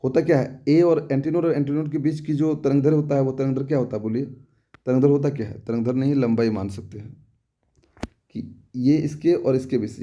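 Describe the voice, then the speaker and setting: A man's voice: mid-range voice, dark tone, lo-fi sound. A young adult man teaching an exam-prep lesson in a casual, repetitive way, often asking if students have understood. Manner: repetitive, asks rhetorical check questions, homely examples.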